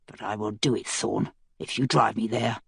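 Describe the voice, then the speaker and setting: A grim man of arms speaks very low, almost in a whisper, as a woman puts him on. He stays toneless and menacing, dry and close in an audiobook. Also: fairly even intonation, normal speed, creaky, fairly bright tone, husky, no echo, full character voice. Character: grim male guard captain, menacing.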